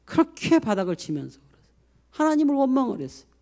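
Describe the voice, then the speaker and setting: A middle-aged man preaches a heartfelt testimony from the pulpit. His voice sits high for a man and leaps up and down in pitch. He storytells with emotion, jumping from loud bursts to near whispers. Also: big pitch swings, quick pace, vocal fry. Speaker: pastor. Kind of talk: testimony sermon.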